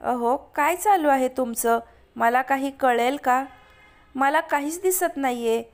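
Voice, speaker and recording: Sulky, excitable young wife in a storybook, voiced by a woman, high voice. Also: measured pace. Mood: irritated. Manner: irritated, exclaiming.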